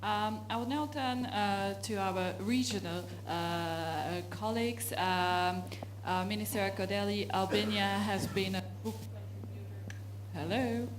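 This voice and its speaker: A woman's voice: mid-range voice, a little slow. A woman moderating a panel discussion, speaking politely and hesitantly with many fillers as she introduces the speaker. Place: conference hall. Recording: echoey hall with background noise.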